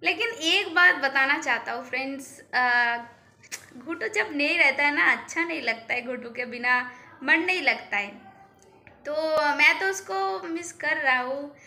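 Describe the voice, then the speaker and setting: A woman's voice: sits high, a little slow, bright, forceful tone, roomy sound. A young woman with a Bengali accent, playfully chatting and pleading in a casual couple vlog. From Kolkata, India. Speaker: vlogger.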